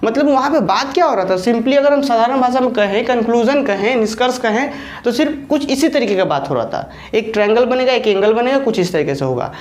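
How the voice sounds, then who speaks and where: A woman's voice: on the high side, lively intonation, brisk, hardly any pauses, darkish tone. A woman maths teacher with a Jharkhand Hindi accent giving an online lecture. She explains step by step and keeps checking that students follow.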